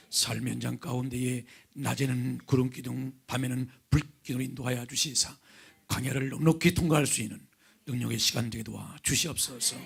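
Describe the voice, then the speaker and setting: Nodules on his vocal cords leave this middle-aged pastor's medium-pitched voice gravelly and raspy. Preaching from the church pulpit, he begins with a prayer, often sinks to a breathy near-whisper and asks his congregation questions.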